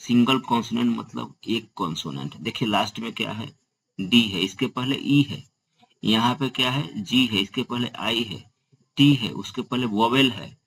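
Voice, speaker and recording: Male grammar teacher, husky and gravelly, poses questions then answers them. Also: mid-range voice, normal speed, fairly bright tone, rough recording. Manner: explains step by step, asks and answers his own questions. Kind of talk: classroom grammar lesson.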